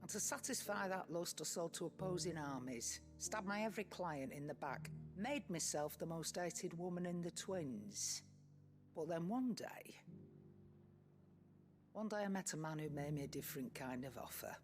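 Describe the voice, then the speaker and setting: Lady doing a gruff old shopkeeper nan, blunt and shrewd, video game, some music under. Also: lowish voice, moderate pace, few pauses, natural voice. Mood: wry confession. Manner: blunt, folksy, no-nonsense. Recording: music behind the voice.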